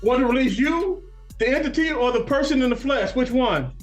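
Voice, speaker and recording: A man's voice: very high-pitched, expressive, a little fast, soft background music. A male judge questioning a defendant firmly during a courtroom hearing. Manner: firm, stern questioning. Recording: roomy courtroom audio.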